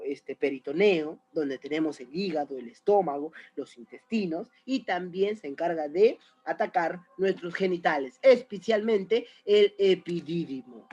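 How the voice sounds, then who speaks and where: A man's voice: fairly high pitch, darkish tone, muffled recording, slight background noise. A man teaching a recorded biology lesson, chatty and often checking in with the student. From Peru.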